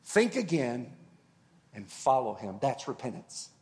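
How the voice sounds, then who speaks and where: A man preaching a sermon as pastor, earnest and unhurried, with long pauses and words that fall away softly. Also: mid-range voice, sing-song. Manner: slow, earnest preaching with long pauses and soft drops in volume.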